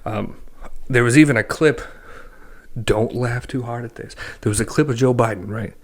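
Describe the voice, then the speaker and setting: A young man co-hosting a casual podcast. His voice is of middling pitch, and he rants bluntly with heavy swearing, plain and unfiltered. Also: normal speed. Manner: blunt, swears a lot, ranting. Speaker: podcast co-host. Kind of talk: casual profane chat.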